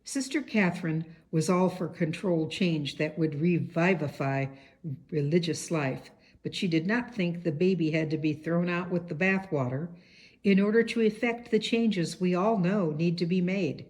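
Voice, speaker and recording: Woman audiobook narrator, lower-pitched, steady and earnest, reading a biography. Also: moderate pace. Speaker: audiobook reader. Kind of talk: read-aloud biography narration.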